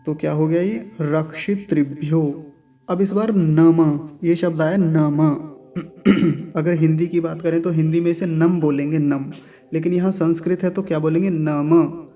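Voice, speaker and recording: A man's voice: a little high, fairly even intonation, normal speed, mellow. A man teaching Sanskrit mantra pronunciation, patiently repeating each syllable and explaining sounds carefully.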